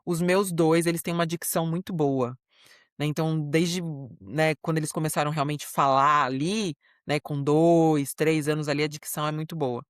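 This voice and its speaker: A Brazilian podcast co-host with a low-pitched, steady voice talks at a moderate pace, her Brazilian Portuguese accent clear in the clean, echo-free studio sound. Among friends, she chats easily, telling stories warmly and proudly with plenty of fillers.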